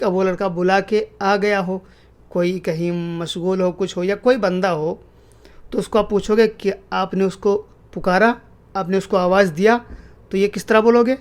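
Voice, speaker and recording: High-voiced man teaching spoken phrases. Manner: repeats each phrase slowly and explains it. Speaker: Arabic language teacher. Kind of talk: spoken language lesson.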